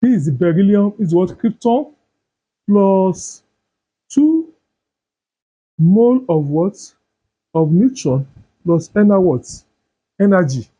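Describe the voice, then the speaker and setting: A male teacher giving a chemistry lesson, asking questions and answering them himself, repeating terms slowly. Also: sits high, animated, mellow, husky. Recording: dull lo-fi sound.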